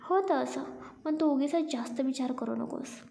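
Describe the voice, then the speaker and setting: A woman's voice: high voice, normal speed, creaky, mellow. A woman voicing a playful young woman who teases her newly married friend. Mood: teasing. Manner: teasing, cheeky.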